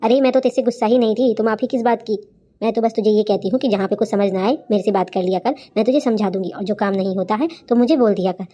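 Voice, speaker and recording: A woman voicing a gentle, wise older mother-in-law in a cartoon, speaking in a soothing, coaxing way. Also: mid-range voice, steady tone, quick pace, natural voice. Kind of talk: cartoon voice acting.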